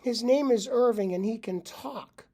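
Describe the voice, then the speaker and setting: A man's voice: extremely high pitch, a little slow, dark tone, exaggerated voice. Man playing an exasperated everyday dog owner, slightly raised voice, put-upon delivery.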